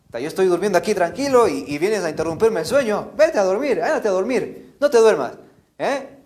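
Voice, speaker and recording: A man's voice: high-pitched, expressive, fairly quick, a little mellow. A man playing an old, drowsy priest who grumbles at being woken. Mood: grumbling. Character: sleepy old priest Eli, mildly annoyed.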